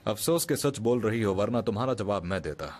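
A man's voice: lowish voice, expressive, brisk, darkish tone. An actor dubbing a wealthy young businessman in a drama. He teases playfully but turns curt when he gives orders. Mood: teasing. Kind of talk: dubbed drama acting.

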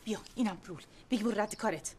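A woman's voice: medium pitch, darkish tone, a little hiss or hum, lightly acted. An actress playing a stern middle-aged mother who speaks curtly, firmly and with formal politeness. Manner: curt, firm, formally polite. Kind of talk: TV drama acting.

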